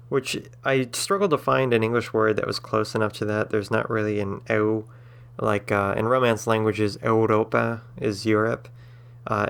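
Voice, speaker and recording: A man's voice: on the low side, gravelly, a bit bright, clean tone. A man teaching a language-building lesson, patiently spelling out sounds with some filler words. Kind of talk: explanatory lesson.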